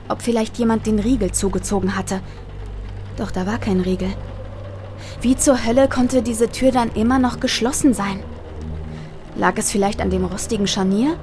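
A woman's voice: on the high side, darkish tone, slight background noise. A woman reading a scripted horror story aloud, her voice tightening and rising as the tension builds. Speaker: narrator.

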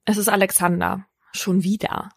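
A woman who works as a care worker tells her own story in a calm, matter-of-fact first-person narration. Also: medium pitch, normal speed, vocal fry, husky, dry recording. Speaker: care worker in a youth facility.

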